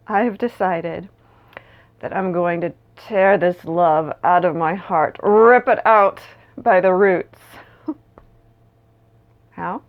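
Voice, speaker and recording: Woman acting lovelorn young drinker, searching stage soliloquy, slow halting delivery, heavy vocal fry, weary. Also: lowish voice, highs cut off. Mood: wistful resolve. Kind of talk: stage dramatic monologue.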